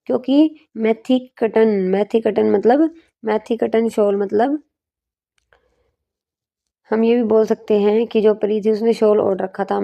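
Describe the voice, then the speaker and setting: A woman's voice: mid-range voice, gravelly, dark tone, dull audio. A woman teacher giving an exam-prep lesson with memory tricks, asking questions and answering them herself.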